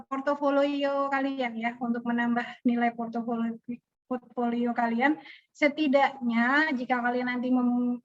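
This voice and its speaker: High-voiced woman teacher on a call. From Indonesia. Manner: chatty, loose, with restarts and asides. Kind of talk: casual briefing to students on a video call. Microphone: video call audio. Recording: muffled video call audio.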